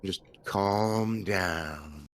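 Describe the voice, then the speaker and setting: A jittery character seeking inner peace, as a man puts him on speaks in a put-on Australian accent. The delivery is earnest and halting, and it stumbles over itself in a tabletop game scene. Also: deep voice, pitched below the performer's own voice, full character voice.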